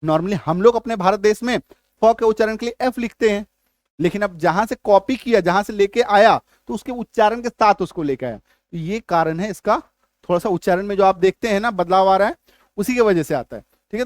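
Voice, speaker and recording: A man's voice: sits high, brisk, no room sound, clean studio sound. A middle-aged man teaching English spelling and pronunciation in Hindi, repeating rules and checking often that his students follow. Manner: repetitive, checks understanding often.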